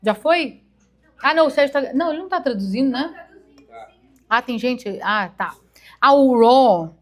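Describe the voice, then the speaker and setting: A woman's voice: high-pitched, expressive, normal speed. A woman in her fifties with a Mineiro Brazilian accent, preaching an informal sermon in a chatty, emotional way, acting out little stories. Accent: Mineiro Brazilian Portuguese. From Minas Gerais, Brazil. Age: 50s. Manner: chatty, emotional, storytelling with acted-out quotes. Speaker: therapist preaching to a congregation.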